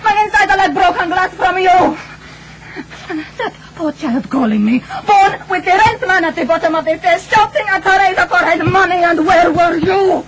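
A woman's voice: very high voice, moderate pace. An actress playing a bitter, worn-out young wife and mother in a 1980s radio drama, scornful and close to tears. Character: weary, bitter Italian-Scots wife and mother. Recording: noisy broadcast radio recording.

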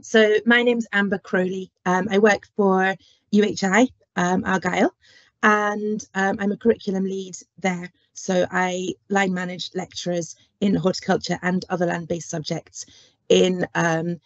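Speaking over a video call on a webcam or headset, a woman who lectures in horticulture and leads its curriculum gives a careers talk despite a cold and cough. Her fairly low, creaky voice carries no echo in the dull lo-fi audio, and she explains warmly, saying um often.

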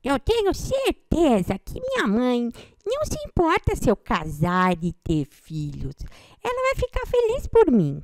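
A woman from São Paulo voicing her pet male parakeet, a sweet, friendly little bird, talking slowly and playfully. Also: sits high, huge pitch swings, dry recording, studio quality, voice pushed down, exaggerated voice. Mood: chatty. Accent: Brazilian Portuguese, São Paulo. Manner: slow, playful, childlike storytelling.

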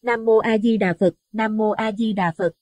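A man's voice: high voice, fairly even intonation, normal speed, darkish tone, dry recording, pitched above the performer's own voice. A man voicing a terrified middle-aged village wife, pleading and chanting in panic. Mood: chanting in terror.

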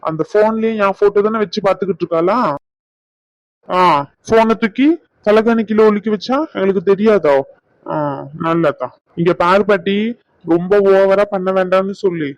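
A man's voice: sits high, fairly even intonation, normal speed, pauses often, dry recording, natural voice. A man voicing an exasperated young husband, a doctor, who pleads and complains to his grandmother about his wife. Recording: dull lo-fi.

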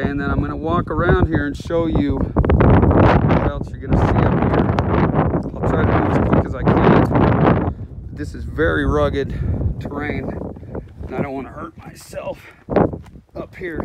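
Male vlogger, fairly high voice, off-the-cuff walking commentary, outdoors, phone microphone, heavy wind roar. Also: muffled recording. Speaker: video host. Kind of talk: unscripted walk-along vlog narration. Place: outdoors on a windy rocky mountaintop. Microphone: handheld phone.

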